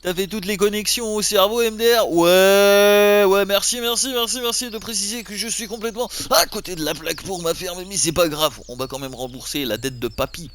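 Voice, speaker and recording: A French man commentating his farming game, animated and jokey, swinging between low muttering and excited yelps. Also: fairly quick, few pauses. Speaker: gaming YouTuber. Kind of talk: let's play commentary.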